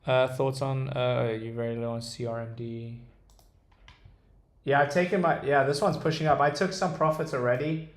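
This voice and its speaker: Based in Dubai, a young day trader with a British accent livestreams casual chart commentary, talking through stock charts and reading chat. He's hesitant, with many ums and restarts, in a mid-range voice of fairly even intonation at a moderate pace. The room gives a roomy echo.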